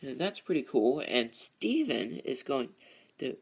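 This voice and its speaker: A man hosting a casual, rambling vlog, halting and repeating his phrases as he goes. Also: medium pitch, sing-song, gravelly, slightly rough. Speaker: video host, toy train hobbyist.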